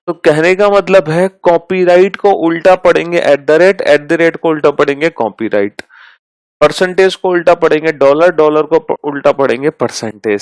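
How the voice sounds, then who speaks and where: Gravelly-voiced male teacher explaining patiently. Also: high-pitched, no room sound, poor audio. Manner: patient, repeats each step, calls students "beta" and "mere bhai"; reads out terms slowly and deliberately. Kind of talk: classroom math lesson.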